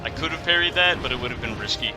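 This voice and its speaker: A man hosts a gaming video with casual, running commentary at a middling pitch. He talks in an opinionated way and swears freely, with game music clearly playing behind his voice. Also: animated, fast talker. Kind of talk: casual game commentary over live play.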